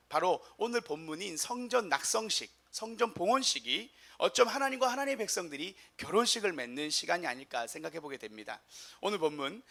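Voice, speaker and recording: A man's voice: sits high, vocal fry, bright, forceful tone. A man preaching a sermon as pastor, in a humorous, chatty way with the congregation.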